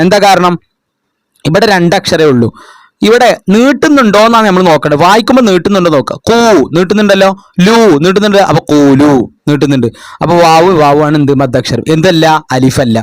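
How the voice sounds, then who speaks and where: A man's voice: high voice, quick pace, dry recording. A man tutoring children in a revision lesson, patiently asking questions and answering them himself. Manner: explains patiently, asks and answers his own questions. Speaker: madrasa tutor.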